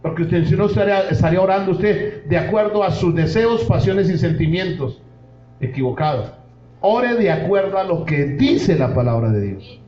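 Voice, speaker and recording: Impassioned pastor preaching in an echoing church. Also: male voice, high-pitched, animated, moderate pace, mellow. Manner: impassioned preaching, addresses the congregation directly. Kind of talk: sermon. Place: church hall. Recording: roomy, dull church recording.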